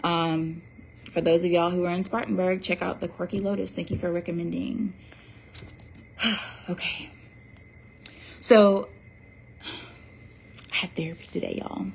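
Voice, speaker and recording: Woman, slightly low voice, casual livestream host, chatty with lots of fillers. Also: little pitch movement, unhurried, gravelly, pauses often, a little mellow. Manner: chatty, reads viewer comments aloud, fillers and restarts. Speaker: livestream host selling an oracle deck.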